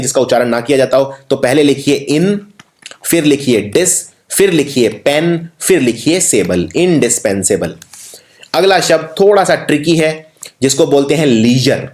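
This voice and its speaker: Indian guy teaching spelling for an exam, slow, spells stuff letter by letter, bit high voice, echoey room. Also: darkish tone. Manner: explains slowly, spells words letter by letter. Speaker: English teacher. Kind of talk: exam-prep spelling lesson. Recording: roomy echo.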